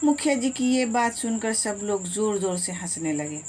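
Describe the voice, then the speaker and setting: A woman's voice: medium pitch, expressive, normal speed, a little mellow, soft background music. Woman narrating a moral story. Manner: voices every villager in turn.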